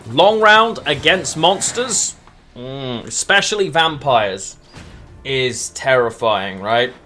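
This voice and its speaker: An English man streams a card game, thinking aloud between moves and answering chat casually with lots of murmured fillers. His voice is on the high side, bright and forceful, in a relaxed live-stream chat while he plays.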